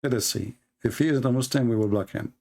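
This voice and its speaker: The voice is a man's: medium in pitch, gravelly yet mellow, and fast. He's the host of a live call-in debate stream, sparring combatively and sarcastically in fluent but non-native English during a heated argument.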